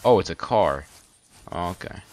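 A man narrating his survival game play as he goes, excitable and repeating "dude" often. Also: low voice, normal speed. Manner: excitable, keeps saying "dude". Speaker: gaming channel host. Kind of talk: let's play commentary.

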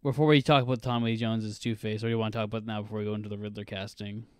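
A man's voice: lowish voice, little pitch movement, very fast, a little mellow, clean tone, no echo. A man hosting a podcast in casual chat, rambling through lists of names with many fillers. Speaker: podcast host.

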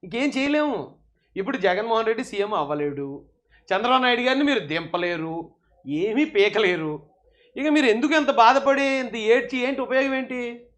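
A man's voice: very high-pitched, expressive, moderate pace, a bit bright. A man giving heated political commentary, mocking and scolding his opponents in a sarcastic, taunting way.

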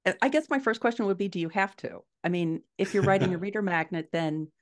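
On a home video call from her living room, a middle-aged American woman appears as an interview guest. She is an author and podcaster who explains things conversationally, thinking aloud at a fast pace in a medium-pitched voice.

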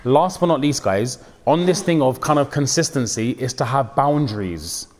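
At a moderate pace and medium pitch, an Islamic preacher delivers a casual, conversational sermon that echoes with a big-room sound. Animated, he frequently performs people's quotes and weaves in religious phrases.

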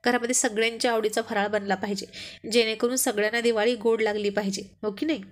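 A busy young housewife who asks favours politely and coaxingly, read by a woman. The voice is a little high, told as a spoken family story. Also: fairly even intonation, quick pace, lightly acted. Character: busy young housewife preparing festival sweets.

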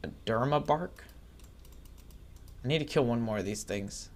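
A man giving excitable let's play commentary, chattering at the creatures on screen as he plays. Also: medium pitch, unhurried. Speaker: gaming channel host.

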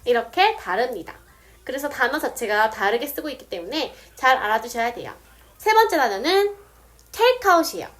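A woman explaining English words step by step, saying example sentences slowly. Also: on the high side, sing-song, a bit bright. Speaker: English teacher. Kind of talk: casual video lesson.

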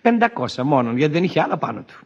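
An actor playing a fussy, good-natured husband and writer in a radio play, husky and prone to stumbling over his words. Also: fairly high pitch, very animated. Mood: coaxing. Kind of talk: 1950s radio play acting. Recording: dull, lo-fi archive radio recording.

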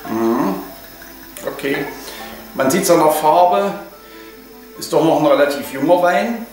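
This vlogger is an older man whose voice sits on the high side, with an expressive, unhurried delivery and a slightly dark tone. He talks loosely through a home cooking video with plenty of hesitations, on a lapel mic in an echoey kitchen where the mic sounds far off and music plays underneath.

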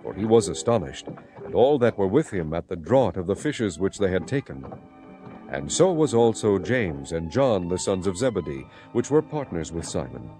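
Music plays clearly under a man narrating dramatized scripture with solemn, storyteller gravity. He speaks at a moderate pace, his fairly low voice moving through lively intonation.

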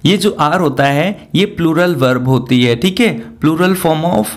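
A man's voice: fairly high pitch, expressive, slow. A young man with an Indian accent, teaching English words in an exam-prep video lesson. He repeats words over and over, asks the class questions and adds jokey asides.

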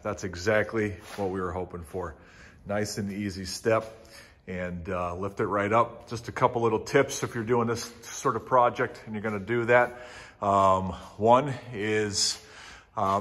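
A man's voice: fairly low pitch, fairly bright tone. A middle-aged man narrating a casual walkthrough of his barn project, rambling with lots of fillers, filmed on a handheld phone inside a large metal barn. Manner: rambling, many fillers, folksy. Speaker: DIY barn builder. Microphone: handheld phone camera.

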